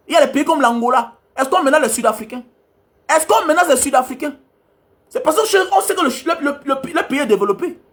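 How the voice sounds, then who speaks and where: A young man, delivering a heated, scolding monologue as a travel advisor. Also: very high voice. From Cameroon. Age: young adult. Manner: angry, scolding, repetitive rant.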